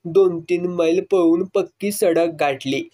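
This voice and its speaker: A man's voice: high-pitched, a little slow, dark tone. A man reading a village story aloud, telling it vividly in rustic dialect.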